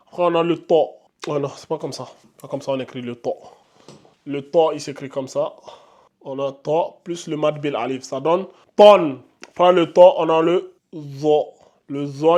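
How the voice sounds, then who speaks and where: A man gives an Arabic reading lesson, his voice sitting a touch high. He drills each letter's sound aloud and keeps checking in with his viewers. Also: darkish tone. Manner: addresses viewers directly, frequent checks. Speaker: Arabic teacher. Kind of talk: whiteboard lesson.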